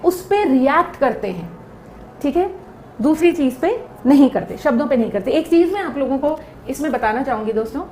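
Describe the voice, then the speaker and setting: A woman's voice: high voice, reverberant, a little hiss or hum. A woman giving a lecture, explaining step by step and often checking in with her listeners. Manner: explaining with repeated check-ins. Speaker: teacher.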